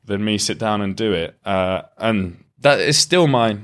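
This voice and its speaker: A man with a very low, deep voice. He speaks as a podcast guest, thoughtful and explanatory, circling back and restarting his sentences as he works through an idea. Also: lively intonation, unhurried, fairly bright tone. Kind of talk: reflective conversational interview.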